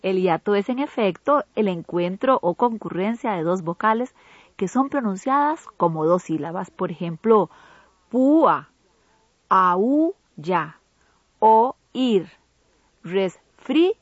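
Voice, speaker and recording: Husky woman reading a grammar lesson. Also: mid-range voice, animated, dry recording. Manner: measured, didactic reading of examples. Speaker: co-host of a language program. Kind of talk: scripted educational radio narration. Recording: dull lo-fi broadcast audio.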